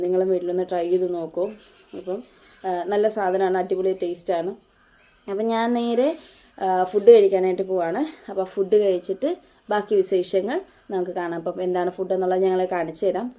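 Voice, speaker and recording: A young woman from Kerala, hoarse from a lingering cough, chatting casually to viewers at home in a vlog, with plenty of fillers. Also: lowish voice, steady tone, a little fast, warm tone. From Kerala, India. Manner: chatty, with many "appam" and "aa" fillers, addressing viewers as guys. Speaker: vlogger. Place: at home, indoors and in the yard.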